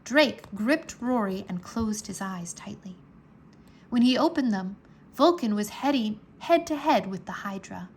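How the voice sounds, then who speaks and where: A woman narrates a children's adventure story in an expressive, measured, dramatic storytelling style. Her pitch is medium, and slight background noise can be heard.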